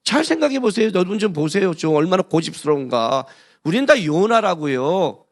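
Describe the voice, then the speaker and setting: A man preaching a sermon as pastor, swinging between hushed asides and loud emphatic exclamations and putting rhetorical questions to the congregation. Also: high-pitched, sing-song, brisk. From Korea.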